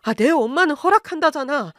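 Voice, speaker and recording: A woman's voice: high-pitched, lively intonation, a little fast, fairly bright tone, no echo, clean studio sound, voice pushed up. Woman voicing an earnest young son. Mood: pleading. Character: young adult son defending his girlfriend.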